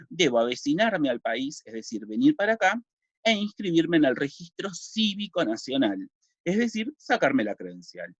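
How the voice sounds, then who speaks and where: On a dull, dry lo-fi recording with no echo, a Uruguayan man with a medium-pitched voice gives a civics lesson. Speaking in Uruguayan Spanish, he works through it step by step, posing questions and answering them himself.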